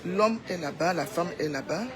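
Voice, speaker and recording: A woman with a Cameroonian accent and a lowish voice speaks at normal speed, delivering an informal, opinionated monologue to her followers. As a social media commentator she exhorts them and repeats phrases for emphasis. A crowd can be heard in the background.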